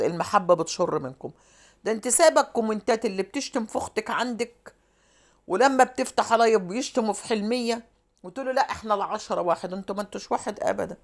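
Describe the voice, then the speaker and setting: An Egyptian Arabic-accented woman speaks straight to her followers in a heated, scolding commentary. Her voice sits a little low, and she talks fast. She keeps circling back to the same indignant lines. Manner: indignant, scolding, repeats phrases. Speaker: social media commentator. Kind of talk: heated commentary addressing viewers.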